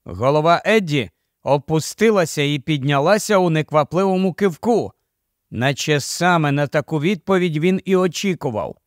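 A man narrating a story as an audiobook in a measured, deliberate way. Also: a little high, expressive, dry recording, studio quality.

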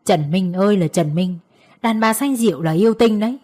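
Mellow female audiobook narrator. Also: mid-range voice, fairly quick. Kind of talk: scripted story narration.

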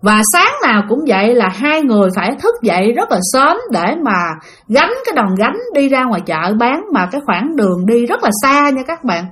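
Young woman, ghost story narration, chatty, lively swooping voice, slightly high. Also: fairly quick. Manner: chatty, addresses listeners directly. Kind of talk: narrating ghost stories to listeners.

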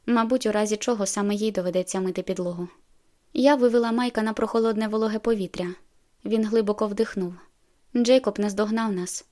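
A woman narrating a novel in the first person, in a measured, intimate storytelling manner. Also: mid-range voice, steady tone, darkish tone. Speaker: audiobook narrator.

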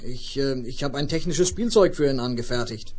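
An actor playing a calm, probing tinkerer on the phone in a 1970s radio play. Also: male voice, mid-range voice, a little fast, close to an everyday voice. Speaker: [name].

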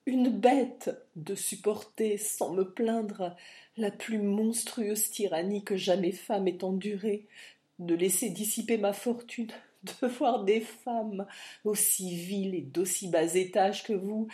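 A woman's voice: medium pitch, takes it slowly, warm tone, lightly acted. A woman voicing a furious aristocratic wife ranting in bitter reproach at her husband, in an audiobook reading.

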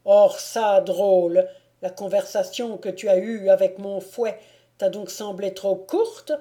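A woman's voice: mid-range voice, fairly even intonation, slow pace, natural voice. A woman reading a scornful, domineering baron. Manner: loud, scornful and commanding. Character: domineering noble man, a mocking baron-huntsman. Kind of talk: audiobook reading.

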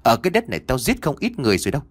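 A man's voice: deep voice, expressive, normal speed, dry recording, voice pushed down. A man voicing a drunk, lecherous and cruel old male official who slurs and threatens. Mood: menacing. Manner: slurring, leering, then menacing threats.

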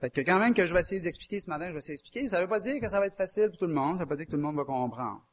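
Very fast and lively in intonation, the voice of this Quebec man sits high. In his Québécois French accent he delivers a folksy, conversational sermon, stopping to quiz his audience.

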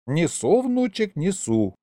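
A man voicing a gruff, folksy old grandfather cook with slow village speech. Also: high-pitched, very animated, mellow, no echo, clean studio sound, pitched above the performer's own voice, full character voice. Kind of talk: audiobook character voice.

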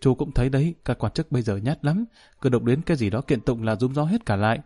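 A man's voice: medium pitch, expressive, fast talker, mellow, close to an everyday voice. A man voicing an earnest young female teacher who talks on in a persuasive, chatty way.

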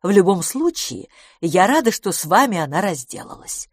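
A woman's voice: lowish voice, very animated, moderate pace, husky, dry recording. A woman plays a prim middle-aged spinster who speaks her mind bluntly. Her speech is forthright and lecturing. The recording is dry and close. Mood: stern.

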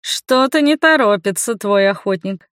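A woman's voice: mid-range voice, moderate pace, a bit bright, no echo, studio quality, close to an everyday voice. A woman voicing a mocking teenage male vampire who talks through a closed door in a capricious, teasing manner.

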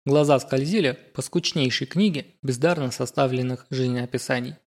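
A man reading a fantasy novel aloud as narrator in an even, measured way. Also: mid-range voice. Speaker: audiobook narrator. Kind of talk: scripted narration.

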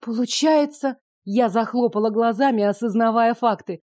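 A woman narrating a first-person fantasy audiobook in a calm, measured way. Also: on the high side, dry recording, clean studio sound.

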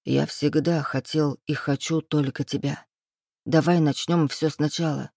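A woman reading a romance audiobook, voicing a commanding, possessive adult man in a lower, hushed tone. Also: steady tone, unhurried, creaky, no echo, studio quality, heavily acted. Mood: low insistent.

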